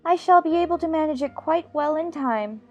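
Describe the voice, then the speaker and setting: A woman's voice: high voice, a little fast, a little mellow, highs cut off, soft background music, natural voice. A woman playing a prim, earnest, argumentative young girl in a dramatized storybook.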